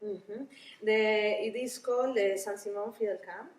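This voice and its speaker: A woman from Rica, a Spanish speaker, answering interview questions in a halting way with many restarts and small laughs. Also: mid-range voice, warm tone. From Costa Rica. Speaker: violinist and ethnomusicology researcher. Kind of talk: conference interview. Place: busy conference venue. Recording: roomy, distant, with busy crowd murmur.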